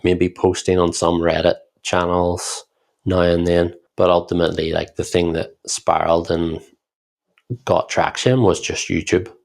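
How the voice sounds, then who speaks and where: A man with a Northern Irish accent, co-hosting a podcast and calmly explaining how he built his business. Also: low voice, unhurried, creaky. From Northern Ireland. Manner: reflective, explanatory, steady. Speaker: podcast co-host, founder. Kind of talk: casual podcast conversation.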